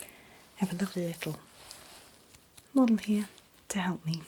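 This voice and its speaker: A woman doing an ASMR role-play as a calm dentist, speaking in a breathy soft voice with gentle, reassuring, unhurried instructions. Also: lowish voice. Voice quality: breathy, mostly unvoiced soft voice. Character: calm, attentive dentist soothing a patient. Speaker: ASMR performer playing a dentist.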